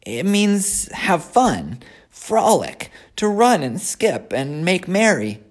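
A lonely young pig with a high, plaintive voice, voiced by a man. He pleads and argues earnestly, his pitch rising and falling a lot. It is a storybook character from a read-aloud. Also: big pitch swings, takes it slowly, exaggerated voice. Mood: pleading. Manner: pleading, wistful, argumentative.

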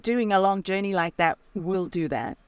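In a relaxed storytelling interview, the podcast guest, a Zimbabwean van traveller and author in her sixties, chats from her campervan over a remote call and makes light of herself. She talks at normal speed in a smooth mid-range voice, with no echo and clean studio sound.

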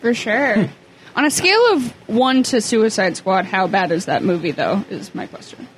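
A woman co-hosting a casual chat in an animated, slangy way. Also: mid-range voice, moderate pace. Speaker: podcast co-host. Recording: noisy room with clear background ambience.

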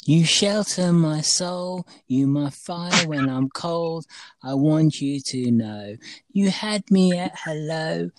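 A man co-hosting a podcast sings a slow, mock-serious tune, his voice drenched in a heavy cave-like echo. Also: a little high. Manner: drawn-out, swooping sung delivery. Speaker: podcast co-host.

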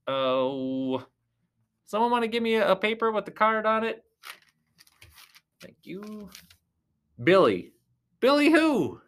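A goofy clown announcer, as a performer puts him on, calling a thumb-wrestling show. He rambles, giggles at his own jokes, and wanders off topic at a middling pitch. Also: fairly bright tone. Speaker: commentator. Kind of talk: comic sports commentary.

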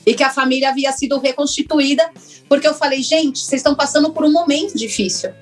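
A woman, a former lawyer now working as a therapist, telling her personal story in an interview in a reflective, earnest way with many pauses. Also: sits high, soft background music. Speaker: interview guest, former lawyer turned systemic constellation therapist.

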